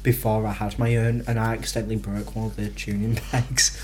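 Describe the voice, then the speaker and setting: A man's voice: fairly low pitch, level tone, a little fast, a crowd in the background. A man in casual chat, chiming in with jokes and casual swearing.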